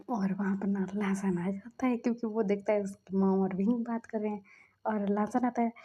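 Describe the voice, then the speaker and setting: A woman casually retelling a fan story in a chatty way, often dropping to a soft near-whisper. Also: fairly high pitch, slightly rough. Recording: dull lo-fi recording.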